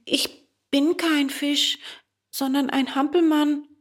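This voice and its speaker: A woman's voice: high-pitched, fairly even intonation, slow pace, voice pushed up. A woman voicing a frightened, whiny young wooden puppet boy. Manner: wailing, anxious.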